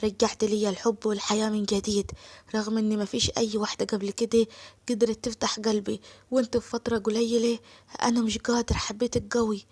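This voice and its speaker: Earnest Egyptian gentleman, as a woman voices him. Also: sits high, little pitch movement, quick pace, slightly rough. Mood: tender. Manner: earnest, heartfelt. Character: wealthy gentleman, earnest and tender.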